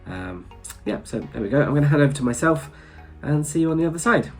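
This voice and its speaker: Animated and fast, this man's fairly high voice carries a casual to-camera chat as a travel vlogger. He's stuffed up from hay fever, rambles slightly and chuckles a little with viewers. Soft background music plays.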